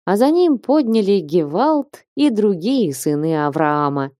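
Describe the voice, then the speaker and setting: A woman narrating a classic novel as an expressive audiobook reader. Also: medium pitch, a little slow, dry recording, studio quality. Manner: expressive storytelling.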